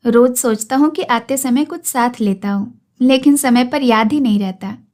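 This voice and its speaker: A woman's voice: fairly high pitch, moderate pace, a little mellow, close to an everyday voice. A woman voicing an elderly, anxious father who speaks humbly and apologetically in a storybook reading. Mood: reassuring. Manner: apologetic, deferential.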